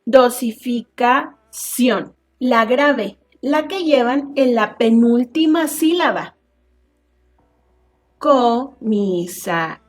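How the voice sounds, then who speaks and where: A woman teacher from Mexico, talking through a grammar lesson for her class. She speaks slowly and carefully in a fairly high voice, stopping often to check that her students follow. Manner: slow and explanatory, often checking with a questioning "¿sí?". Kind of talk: online class lecture.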